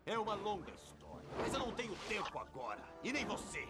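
An actor playing a menacing, gloating supervillain in a dubbed cartoon, theatrical and taunting. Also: male voice, high-pitched, very animated, fast. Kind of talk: dubbed animated series acting. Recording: very loud music behind the voice.

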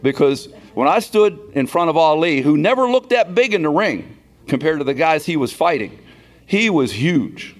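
A man's voice: on the high side, sing-song, normal speed. A man in his sixties from Pennsylvania, emceeing a banquet and telling stories in a folksy way that builds to a punchline. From Beaver Falls, Pennsylvania. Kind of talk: storytelling speech at a banquet.

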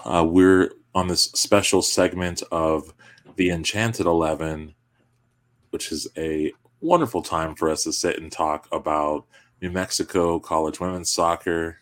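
A man hosting a conversational sports podcast, introducing segments and putting questions to a co-host. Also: sits low.

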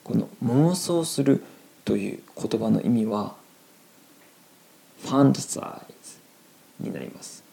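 A young man with a Kansai accent teaching Japanese phrases in a relaxed, chatty lesson, full of fillers. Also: mid-range voice, slow, creaky, long pauses. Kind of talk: casual language lesson.

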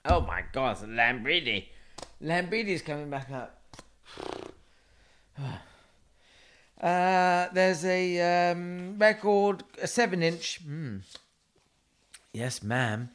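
A man's voice: on the high side, lively intonation, slow pace, long pauses, a bit bright. A man hosting a radio show, rambling, scatterbrained and poking fun at himself. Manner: scatterbrained, rambling, self-mocking. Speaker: radio host. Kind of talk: rambling comedic radio chat.

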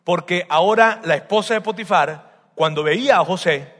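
A male preacher, retelling a Bible story in an animated sermon full of rhetorical questions and humor. His voice sits high. The sound carries a long echo, like a large hall. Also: moderate pace, slight background noise.

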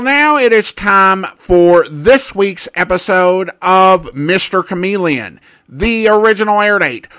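Guy podcast host, pretty high voice, reading his scripted intro. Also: sharp tone.

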